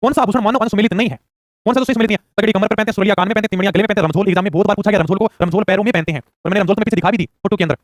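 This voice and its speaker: A man teaching a quiz-style exam prep lesson, firing off questions and urging quick answers. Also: high voice, no room sound, clean studio sound. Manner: rapid-fire, urging answers fast.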